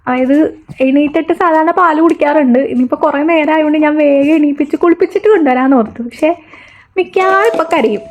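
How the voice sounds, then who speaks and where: A woman vlogger and young mother narrating her day in a chatty voice-over, often tagging a soft "tto" onto her sentences. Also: sits high, fast, a little hiss or hum.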